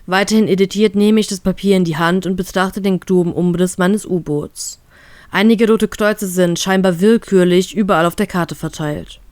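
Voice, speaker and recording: A woman reading a fan story aloud in steady first-person narration. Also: on the low side, moderate pace, dry recording. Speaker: fanfiction reader.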